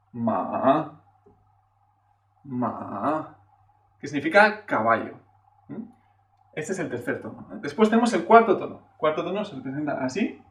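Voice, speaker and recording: A man from teaching a Chinese lesson in a patient, explanatory way, often checking in with a questioning "eh" and exaggerating sample syllables to show the tones. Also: on the high side. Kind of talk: classroom-style video lesson. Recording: roomy echo, voice from a distance.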